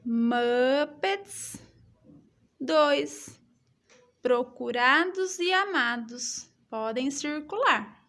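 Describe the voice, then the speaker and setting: A woman teacher with a Brazilian Portuguese accent, reading a schoolbook lesson aloud to children with slow, exaggerated intonation. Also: high-pitched, fairly bright tone.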